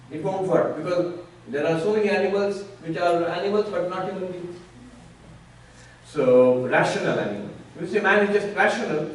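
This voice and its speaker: A man's voice: high-pitched, slight background noise. A man, a monk, teaching scripture at a retreat, explaining patiently and acting out an opponent's objections. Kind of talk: lecture on scripture. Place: retreat hall. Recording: echoey hall, far from the mic.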